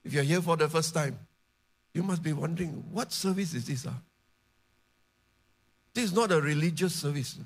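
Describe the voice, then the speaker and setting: A man preaching a charismatic sermon to his congregation, building to emphatic shouts and dropping into chatty asides. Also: a little high, normal speed, long pauses. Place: church service.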